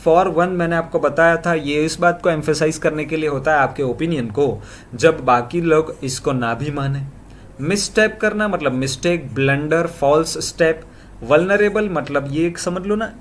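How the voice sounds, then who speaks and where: Quick Hinglish vocab-teaching man. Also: on the high side, a little hiss or hum. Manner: quick word-by-word synonym lists.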